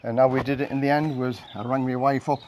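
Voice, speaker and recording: This older English vlogger talks fast while he washes his car outside in a home carport, his medium-pitched monotone wandering from story to story. Recorded on a camera mic several meters away, the audio is noisy, with birdsong and countryside ambience.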